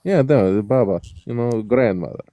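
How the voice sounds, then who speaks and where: Speaking at normal speed in a warm, animated mid-range voice, a man rambles through stories as a guest in casual conversation, full of fillers and restarts. He has a Chicago accent, Russian is his first language, and the recording has no echo.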